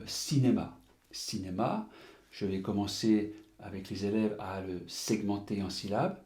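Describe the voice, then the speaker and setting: A man's voice: medium pitch, dark tone, echoey room. A man presenting a video lesson on teaching writing to young pupils, hesitant, with many fillers, spelling words out letter by letter. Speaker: teacher trainer presenting a reading method.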